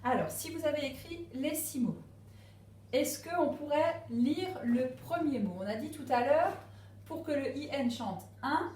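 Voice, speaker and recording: A woman teaching a phonics lesson to young children at a distance, speaking slowly and patiently and stressing each syllable. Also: fairly high pitch, dark tone, echoey room, slight background noise. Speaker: primary school teacher. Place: classroom with a board.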